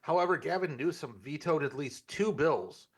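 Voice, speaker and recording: An American man chatting casually in a discussion, with a measured, halting conversational delivery. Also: fairly high pitch, lively intonation, husky.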